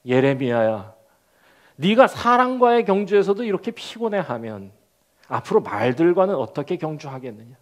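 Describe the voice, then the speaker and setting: A male pastor preaching a sermon, acting out quoted complaints in character voices and dropping to a soft, low delivery at key moments. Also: normal speed. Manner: animated, acts out the prophet's complaints in quoted voices.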